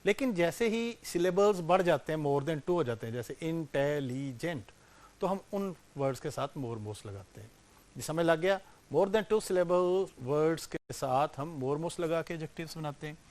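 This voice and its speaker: A man's voice: a little high, expressive, darkish tone. A man teaching English grammar to students, explaining step by step and checking in often with questions. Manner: volume rises and falls sharply, slows to stress example sentences. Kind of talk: classroom grammar lecture.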